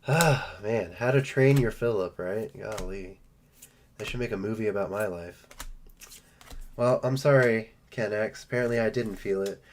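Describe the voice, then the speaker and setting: A man's voice: fairly low pitch, measured pace, pauses often, a little hiss or hum. A man hosting a live stream, chatting casually and joking while opening trading card packs. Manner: joking, rambling, playful.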